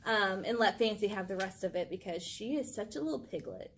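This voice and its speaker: A woman's voice: mid-range voice, expressive, fairly quick, crowd noise. A woman co-hosting a vlog. She chats casually about her pet, gushing and filling her talk with "like". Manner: gushing, chatty, full of "like" fillers. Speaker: channel co-host. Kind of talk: casual chat about pets.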